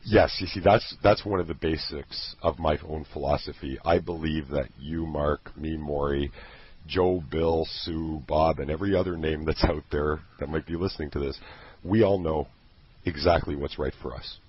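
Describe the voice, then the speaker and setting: A man's voice: extremely low pitch, moderate pace, husky, dry recording. A man promoting a program he created, talking in an earnest, passionate way with many restarts. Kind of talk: casual promotional chat. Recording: dull lo-fi recording.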